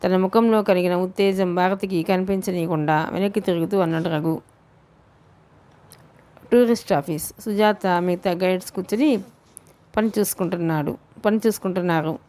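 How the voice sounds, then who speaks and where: A woman narrating a novel for an audiobook and voicing all of its characters, reading at an even pace with small slips that she corrects as she goes. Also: lowish voice, moderate pace.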